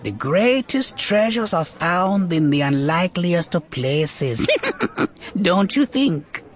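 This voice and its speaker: A man's voice: sits high, big pitch swings, takes it slowly, pitched above the performer's own voice, exaggerated voice. A man voicing a small, sly male rodent-like alien inmate who wheedles, giggles and ends his lines with coaxing tag questions. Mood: sly, wheedling. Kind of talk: audiobook character voice.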